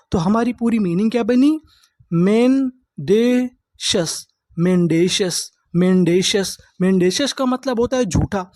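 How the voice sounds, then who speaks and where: A man's voice: high voice, a little mellow, no room sound. Man drilling English spelling, dry sound. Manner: drills by asking and answering his own questions, repeating words slowly. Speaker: English teacher. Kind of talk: classroom-style spelling lesson.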